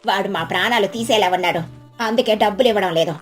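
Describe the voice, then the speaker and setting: A woman's voice: mid-range voice, fast talker, faint music behind, pitched below the performer's own voice, natural voice. A woman voicing a greedy, lying village woman who whines and gets flustered in a storybook tale. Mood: complaining. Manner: whining, flustered.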